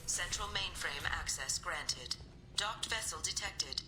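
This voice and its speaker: Brief: stern station security AI, low, sharp and formal, with faint game music behind. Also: female voice, animated, takes it slowly, heavily acted, rough recording. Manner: clipped, formal security announcements. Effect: computer announcement voice. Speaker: game character.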